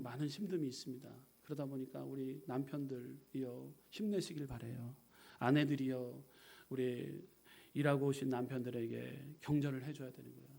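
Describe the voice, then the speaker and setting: A man's voice: mid-range voice, vocal fry. A man, a pastor, preaching a sermon to his congregation. He swells in volume for scripture and calls to the congregation, then drops to easy, chatty asides. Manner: preaching with emphatic surges in volume, slowing for scripture readings; warm conversational asides to the congregation.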